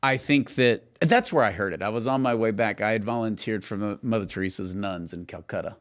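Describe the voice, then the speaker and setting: Speaking a little fast in a lowish voice, a middle-aged podcast co-host tells stories and pokes fun at others, his banter casual, emphatic, and packed with fillers.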